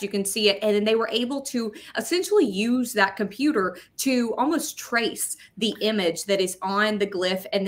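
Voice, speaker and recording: Young female host of a live web show, upbeat, steers the interview with recaps and questions, webcam sound. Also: medium pitch. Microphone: webcam on video call.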